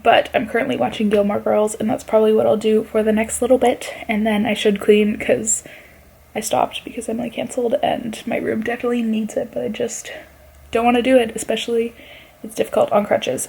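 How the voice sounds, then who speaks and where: A woman's voice: on the high side, level tone, brisk, gravelly, a little mellow, slightly rough. A woman in her twenties chatting casually in a vlog from her bedroom at home, filling her talk with "like" and laughing often. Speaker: vlogger.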